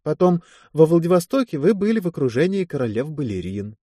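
A man's voice: on the high side, very animated, fairly quick, no echo, studio quality, voice pushed up. A man doing a teasing, self-assured army nurse. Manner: gently mocking, self-assured. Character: teasing woman army medic around thirty.

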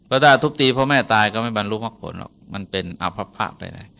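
Male monk, storytelling sermon, bright forward tone, easygoing and hesitant. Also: mid-range voice, fast, smooth. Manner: relaxed, conversational, polite particles, frequent hesitations. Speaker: Buddhist monk.

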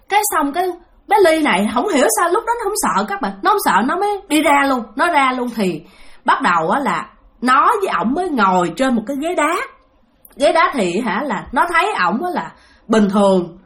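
Woman, ghost story telling, addresses listeners, lively pitch swings. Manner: chatty, addresses listeners directly, repeats for emphasis.

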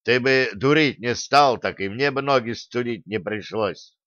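Man voicing a barking bearded warrior, gruff, hot-tempered, raised pitch, dry, dull sound. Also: unhurried, fairly bright tone, no room sound, close to an everyday voice. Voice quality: growling, barking orders.

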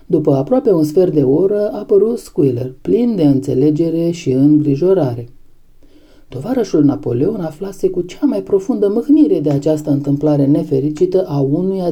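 A woman narrating a novel as an audiobook, reading in a measured, steady way. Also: deep voice, slightly rough, highs cut off.

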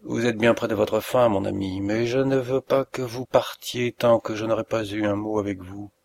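A man voicing a cruel, mocking middle-aged villain in an audiobook reading, with a gravelly, husky voice and a slow, deliberate delivery. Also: lowish voice, steady tone, a little mellow. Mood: gloating. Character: cruel sneering male planter, middle-aged, gloating.

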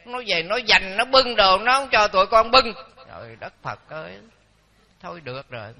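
A man in his seventies, a Buddhist monk, telling stories in a dharma talk with lively quoted dialogue. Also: high voice, moderate pace. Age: 70s. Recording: dull lo-fi recording.

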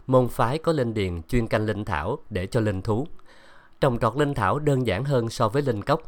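A man narrating a fantasy novel as an audiobook in a steady storytelling manner. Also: medium pitch, moderate pace, dry recording. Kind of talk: scripted narration.

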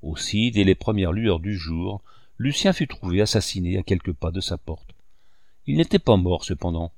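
A man narrating a novel as an audiobook reader, expressive in delivery. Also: low voice, normal speed, dry recording, clean studio sound.

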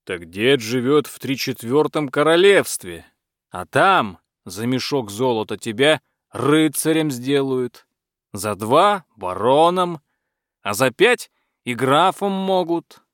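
A man's voice: medium pitch, animated, slow, fairly bright tone, no room sound, clean studio sound. A man voicing a sly, coaxing male dragon in a fairy tale.

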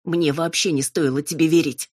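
An angry, betrayed young woman in an audiobook, as a woman narrator voices her, speaking up sharply and accusingly. The tone is husky and the recording dry. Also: low-pitched, fairly even intonation, normal speed, a little mellow, no room sound. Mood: furious.

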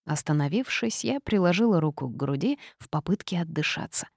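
A woman reading a fantasy novel aloud in the first person, lively and expressive. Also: sits low, a little fast, no room sound, studio quality. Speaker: audiobook narrator.

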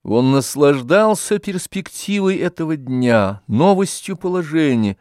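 A man narrating an audiobook of a classic novel in a measured storytelling manner. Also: a little high, animated, a little mellow, dry recording, studio quality.

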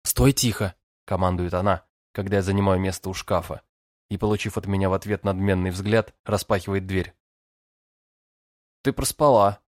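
A man's voice: sits low, level tone, brisk, no echo, studio quality. Cocky, teasing male audiobook narrator. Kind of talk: first-person audiobook narration.

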